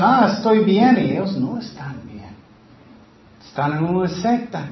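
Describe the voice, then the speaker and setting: A man preaching a sermon in Spanish with passion, speaking loudly and swinging between sudden rises and drops, his phrasing slightly broken. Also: a little high. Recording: roomy, slightly dull sound.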